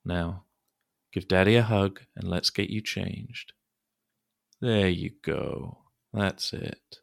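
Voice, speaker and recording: A man voicing a gentle, coaxing adult caretaker figure in an audio roleplay, speaking softly and soothingly. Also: fairly low pitch, slow, vocal fry, dry recording, studio quality. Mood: hushed. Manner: soft, hushed and soothing. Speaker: podcast host.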